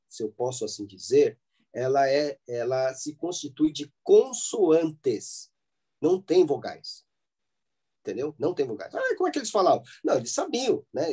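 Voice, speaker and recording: A man's voice: fairly high pitch, warm tone, husky. A man with a Brazilian Portuguese accent teaching a church theology class, explaining step by step and often checking in with his listeners. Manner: explanatory, with frequent "né?" and "tá?" check-ins.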